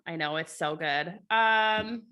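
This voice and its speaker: Slow-talking bright-voiced woman guest. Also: lowish voice, clean tone, lo-fi sound. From North Dakota. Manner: giggly, chatty, enthusiastic about food. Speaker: podcast guest. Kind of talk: casual chat.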